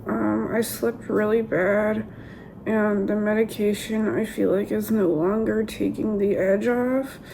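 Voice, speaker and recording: A young woman recording a casual video diary, halting and subdued, her voice sore and weakened after throat and sinus surgery. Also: medium pitch, steady tone, mellow. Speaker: vlogger. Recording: clear background ambient noise.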